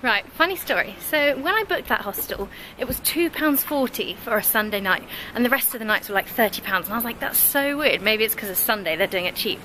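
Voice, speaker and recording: A chatty young woman films herself at arm's length, walking city streets and ducking indoors as she talks. Her voice sits a touch high, upbeat and quick to laugh. Clear traffic and street noise run beneath her. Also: animated, bright, forceful tone, low-quality recording. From England. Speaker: travel vlogger. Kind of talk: casual vlog. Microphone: handheld camera at arm's length.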